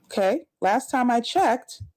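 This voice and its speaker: A woman's voice: fairly high pitch, lively intonation, unhurried, a little mellow, poor audio. A woman giving casual YouTube commentary, indignant and stacking words for emphasis.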